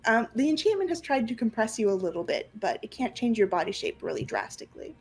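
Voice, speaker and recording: A young woman narrating an online tabletop roleplaying game as game master, improvising her descriptions haltingly. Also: on the high side, sing-song, slightly rough. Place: room at home, on a group video call. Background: faint music.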